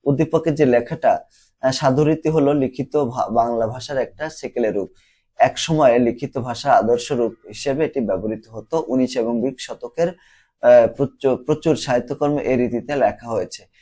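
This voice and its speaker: A man's voice: medium pitch, normal speed, warm tone, breathy edge. A man from Bangladesh teaching students how to answer exam questions, explaining step by step and repeating words to show their pronunciation.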